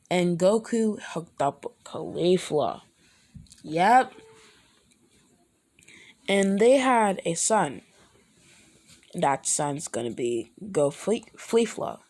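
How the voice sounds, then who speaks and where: A woman's voice: fairly low pitch, darkish tone. A woman casually telling an improvised fan story, rambling, hesitant and correcting herself often.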